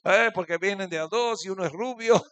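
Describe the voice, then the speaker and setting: River plate spanish pastor, highish voice, preaching with aleluyas and amens, cracks jokes. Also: male voice, sharp tone. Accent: Rioplatense Spanish. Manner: preaching with frequent "aleluya" and "amén" calls to the congregation; humorous asides, acting out little voices in stories. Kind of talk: sermon.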